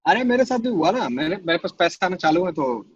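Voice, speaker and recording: A man's voice: sits high, very animated, a little fast, slightly rough, no echo, highs cut off. A man, a guest in a casual interview, telling stories animatedly, acting out quotes and cracking crude jokes. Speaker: assistant director guest. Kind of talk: casual conversation.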